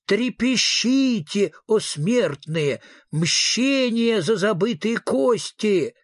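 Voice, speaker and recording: A man voicing a gloomy, theatrical ghost with a wailing, drawn-out delivery in an audiobook reading. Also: high voice, expressive, dry recording, studio quality, pitched above the performer's own voice, exaggerated voice.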